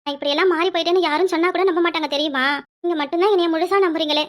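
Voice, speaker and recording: Woman playing a young village wife, very high voice, quick, bright, sing-song, southern Tamil accent, cartoon. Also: steady tone. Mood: tearful. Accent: southern Tamil (Tirunelveli). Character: young pregnant village wife, tender and teasing. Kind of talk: cartoon voice acting.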